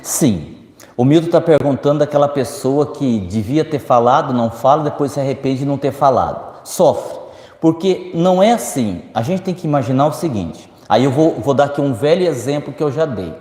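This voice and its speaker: A man's voice: medium pitch, normal speed. A man with a Brazilian accent giving a spiritist lecture, answering audience questions and acting out the quoted voices of others. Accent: Brazilian Portuguese. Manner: lively, acts out quoted voices, speaks to the audience directly. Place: lecture hall. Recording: echoey hall reverb.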